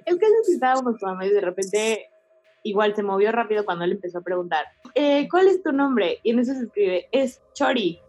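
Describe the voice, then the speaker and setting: A young woman with a Mexican accent chatting on a podcast, telling a story with animated acted-out quotes and frequent laughter. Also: mid-range voice, fast talker, faint music behind. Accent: Mexican Spanish. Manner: animated, acts out quoted lines, laughs often. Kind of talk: casual storytelling chat.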